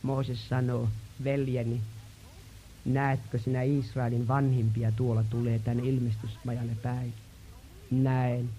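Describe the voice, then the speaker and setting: A man preaching a dramatic sermon story, swinging from hushed tones to impassioned shouting. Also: mid-range voice, level tone. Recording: dull lo-fi sound.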